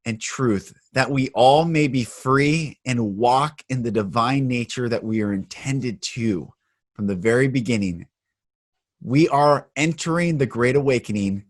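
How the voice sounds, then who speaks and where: A man hosting a spiritual podcast, speaking in an earnest, heartfelt way and sending blessings to listeners. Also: medium pitch. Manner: warm, earnest, blessing-filled delivery. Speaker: podcast host.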